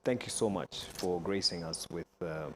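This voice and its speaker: A man's voice: low voice, normal speed, slight background noise. Man hosting, signing off a show. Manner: warm sign-off, switches between English and Swahili. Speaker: talk show host. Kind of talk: wrapping up a talk show.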